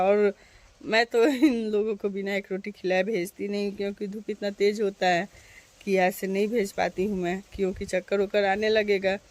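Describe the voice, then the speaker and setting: A woman in her thirties talks chattily straight to her viewers, her pitch staying level and even. She sits outdoors in the shade by her door, filmed on a phone camera. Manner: chatty, addresses viewers directly. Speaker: vlogger. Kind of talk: casual chat to camera.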